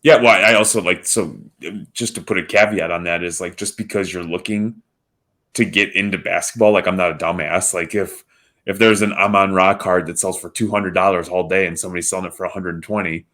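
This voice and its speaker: Low-voiced man in casual podcast banter. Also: fairly even intonation, fairly quick, fairly bright tone. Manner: loose, swearing banter. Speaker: podcast co-host. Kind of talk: casual chat.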